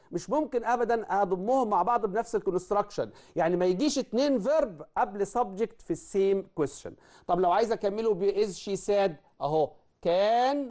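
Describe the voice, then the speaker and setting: A man's voice: high voice, a little mellow. A man with an Egyptian Arabic accent teaching an English grammar lesson. He asks himself questions and answers them, and he reads example words out one at a time. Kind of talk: recorded classroom grammar lesson.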